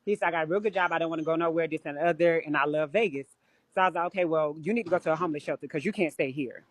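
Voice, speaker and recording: A woman's voice: low-pitched, very fast, no echo. A woman on a live stream, telling stories bluntly and with plenty of swearing in casual chat. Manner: blunt, profane storytelling. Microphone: phone or webcam on a live stream.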